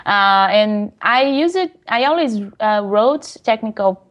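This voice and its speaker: A Brazilian guest author, a non-native English speaker with a Brazilian Portuguese accent, answers interview questions hesitantly and casually, using many fillers. Her voice is a little high and a bit bright, unhurried, with lively intonation.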